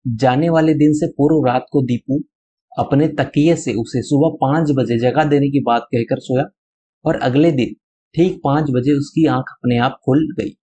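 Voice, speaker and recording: Give me a male teacher, reading answers aloud in a mellow, slightly husky voice. He talks to the class as children and keeps telling them to write each answer down. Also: medium pitch. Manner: calls listeners children, tells them to note it down. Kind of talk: reading out textbook answers to schoolchildren.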